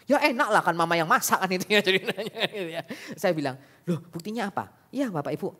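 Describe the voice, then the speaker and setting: A man preaching a conversational sermon at a church service, lively, with sharp rises for emphasis and frequent rhetorical questions to the congregation. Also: fairly high pitch. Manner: keeps asking the congregation "right or not?". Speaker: evangelist preacher.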